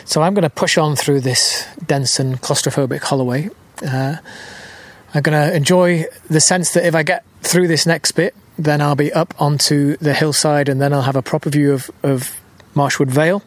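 A storyteller narrates as he walks the countryside outdoors. His voice sits a touch high for a man. He muses aloud, hesitant and full of pauses, and sounds a little out of breath from the climb. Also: steady tone, no room sound. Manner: musing, hesitant with many fillers.

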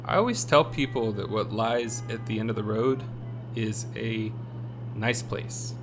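A man playing a kindly, self-doubting afterlife attendant in an audio drama, hesitant and low-key. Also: a little slow, close to an everyday voice. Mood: doubtful. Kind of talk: scripted audio drama acting. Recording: clearly audible humming noise.

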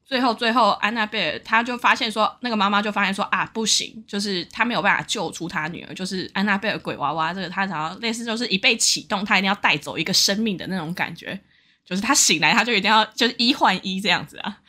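A young woman chats on a podcast, telling stories and laughing often. Her voice is bright and her pace is fast. She sounds easy and talkative. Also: medium pitch. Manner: chatty storytelling, laughing often. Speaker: podcast co-host. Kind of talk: casual chat.

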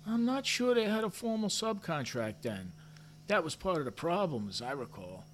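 A gossipy, defensive middle-aged office worker with a high, very lively voice that leaps about. He hedges every answer and sinks low on his asides, with a faint hum behind him. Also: moderate pace. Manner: hedging, self-justifying, drops voice for asides.

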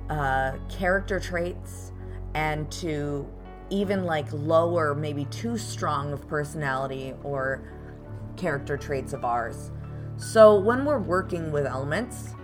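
A woman hosting a podcast as a card reader, explaining things informally and directly to her listeners. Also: low-pitched.

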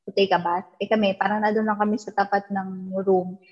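Husky woman telling a story. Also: medium pitch, flat delivery, fairly quick. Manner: mixes English into Tagalog, acts out quoted dialogue. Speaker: guest telling a ghost story. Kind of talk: casual spoken storytelling. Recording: dull lo-fi recording.

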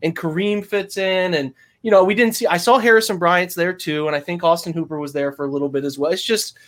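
A man's voice: high-pitched, a little fast, a bit bright. A man co-hosting a casual sports podcast, talking with enthusiasm and many restarts. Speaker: podcast co-host.

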